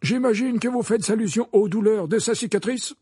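A grave, commanding old wizard headmaster, voiced by a man reading a storybook aloud. The voice sits very high and husky, every word pressed slow and firm, recorded close and dry. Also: dry recording, exaggerated voice. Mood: stern. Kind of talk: audiobook character voice.

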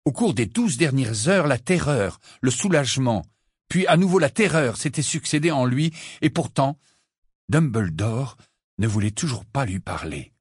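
A man narrating an audiobook in an expressive reading voice that softens on quiet passages. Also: medium pitch, slightly rough, no echo, clean studio sound. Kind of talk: scripted narration.

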